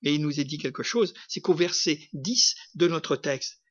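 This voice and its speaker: A man delivers a sermon in a high voice, moving between calm teaching and emphatic, rising peaks. The recording sounds slightly dull and lo-fi. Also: normal speed. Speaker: preacher.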